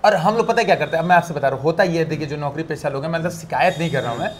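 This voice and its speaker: A man's voice: on the high side, racing, slight background noise. A man, a coaching teacher hosting the talk, giving study advice in a casual conversation and repeating his key points. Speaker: exam coaching teacher and host.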